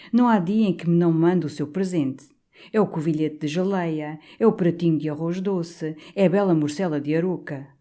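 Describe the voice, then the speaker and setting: A woman voicing a portly, jovial older male canon, talking in an animated, confiding, doting way. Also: fairly high pitch, lightly acted.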